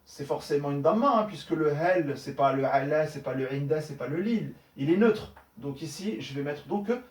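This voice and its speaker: A man's voice: fairly high pitch, lively intonation, moderate pace, darkish tone, distant mic. Man teaching grammar with many fillers. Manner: explanatory, many fillers, checks understanding with "d'accord?". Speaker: Arabic teacher. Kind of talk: recorded grammar lesson correcting exercises. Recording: echoey room, voice somewhat off-mic.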